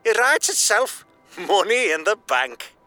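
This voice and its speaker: Male actor as John-type pal: high, bright, defensive whiner who squeals when riled. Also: sing-song, slow, soft background music, full character voice. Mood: scheming. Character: whiny indignant male friend on the phone. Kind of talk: audio drama acting.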